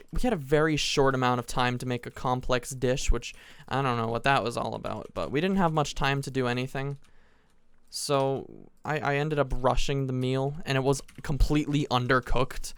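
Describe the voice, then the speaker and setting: A man's voice: mid-range voice, lively intonation, normal speed, fairly bright tone, clear, resonant tone, no echo. Teen male gaming commentator, casual rambling storyteller, clean dry desk-mic sound. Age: teens. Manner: rambling, self-interrupting, frequent restarts. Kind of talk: casual storytelling over gameplay.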